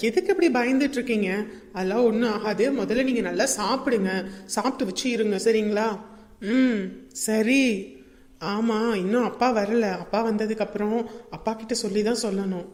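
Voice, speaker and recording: A woman playing a young grown daughter who talks softly and reassuringly to her parents. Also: fairly high pitch, normal speed, lightly acted. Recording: echoey room with long reverb.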